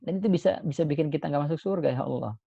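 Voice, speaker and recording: A male Islamic preacher giving a sermon, expressive, moving between emphatic points and soft, hushed asides. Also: a little high, very fast, vocal fry, breathy edge, no echo, lo-fi sound. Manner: expressive, swings between emphatic and soft hushed delivery, frequent pious exclamations.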